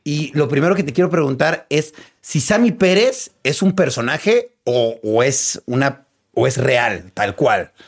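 A man's voice: mid-range voice, lively intonation, unhurried. Friendly interview host, man. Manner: friendly, asks short prompting questions. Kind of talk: casual interview.

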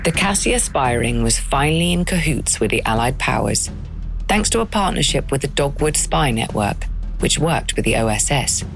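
A woman's voice: extremely low pitch, animated, moderate pace, vocal fry, over music. A woman delivering scripted narration as the host of a documentary podcast.

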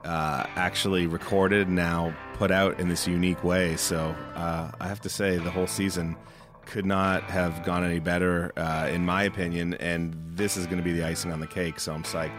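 A man who created the show, talking in a relaxed, rambling way in a casual interview. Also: deep voice, normal speed, music in the background. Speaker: show creator and musical director.

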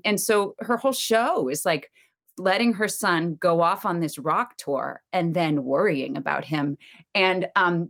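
Lively storytelling woman, lowish voice. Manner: animated, lively storyteller with quoted dialogue. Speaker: stage actor, guest. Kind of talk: casual interview storytelling.

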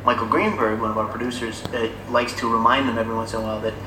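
A man's voice: mid-range voice, level tone, racing, noisy background. A man giving a casual audio commentary, played off a TV and re-recorded on a phone held to the speaker. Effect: played off a TV and re-recorded through a phone held to the speaker. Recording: tinny, echoey phone re-recording from far off.

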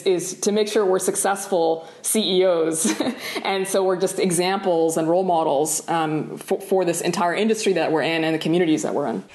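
A woman's voice: medium pitch, darkish tone. A woman from Sudan, a tech founder, giving earnest, reflective interview answers and often restarting phrases. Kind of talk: video-call interview answers. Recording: roomy echo.

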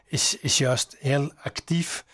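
A man interviewing a guest, asking long, measured, probing questions. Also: a little high, fairly even intonation, a bit bright.

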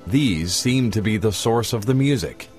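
Low-voiced, lively male story narrator. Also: moderate pace, soft background music.

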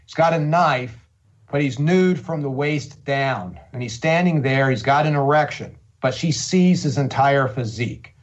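A man's voice: medium pitch, animated, measured pace. A male cold case investigator talks through a case in an interview, describing details in plain, repetitive phrases. His voice sits in the middle range, and the audio is a little dull and muffled. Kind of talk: interview answer.

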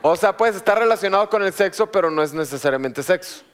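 A man's voice: sits high, animated, fast talker, clear, resonant tone. A man with a Mexican accent chatting on a talk show, flustered and nervous as he guesses. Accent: Mexican Spanish. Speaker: show member. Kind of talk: casual chat.

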